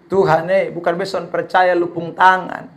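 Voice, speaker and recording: A man's voice: high voice, little pitch movement, normal speed. A male preacher voicing a frightened, stubborn old village church elder who protests and pleads. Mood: anxious. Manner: protesting, pleading in local dialect.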